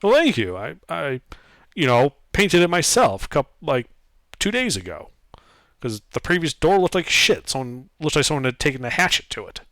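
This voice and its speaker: A man acts out a gruff half-orc tenant for a tabletop game. He is blunt and sarcastic, grumbling with an animated, swinging pitch in a dry recording. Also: moderate pace, dry recording.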